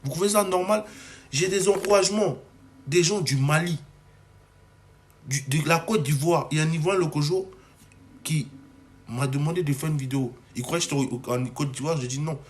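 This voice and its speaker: Young man from Cameroon, fairly high voice, agitated vlog rant with many restarts. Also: moderate pace, pauses often, slight background noise. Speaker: comedy video maker. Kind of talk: heated monologue to camera.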